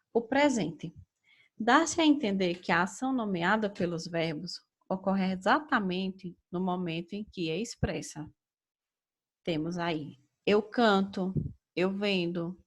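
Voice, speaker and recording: Speaking in a mid-range, somewhat mellow voice, a young adult Brazilian Portuguese-accented teacher gives a recorded grammar lesson. Her delivery is measured and explanatory, with frequent check-ins with her students.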